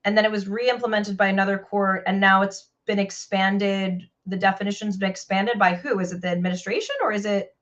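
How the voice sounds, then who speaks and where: A woman's voice: mid-range voice, steady tone, brisk, hardly any pauses, lo-fi sound. A woman hosting an interview show, chatty and enthusiastic, asking clarifying questions. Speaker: show host.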